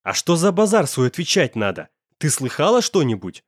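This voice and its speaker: A man's voice: fairly high pitch, very animated, moderate pace, slightly rough, no room sound, clean studio sound. A man playing an angry young male student who talks in a coarse, slangy, threatening way. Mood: menacing.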